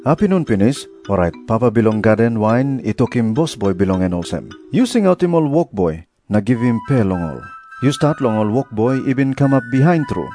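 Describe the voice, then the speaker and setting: A man with a Papua New Guinean accent giving an expressive scripted Bible reading. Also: medium pitch, fairly quick, faint music behind. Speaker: Bible reader voicing Jesus's parable.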